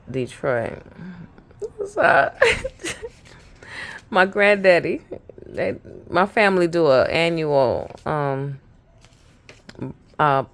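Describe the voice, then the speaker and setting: With a gravelly bass voice, a woman in her thirties with a Brooklyn accent shares a wandering family story to camera. The vlogger keeps breaking into laughter.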